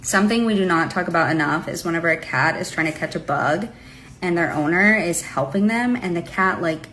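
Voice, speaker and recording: A woman's voice: on the low side, brisk, fairly bright tone, a little hiss or hum, rough recording. A woman chatting casually about cats, rambling with fillers.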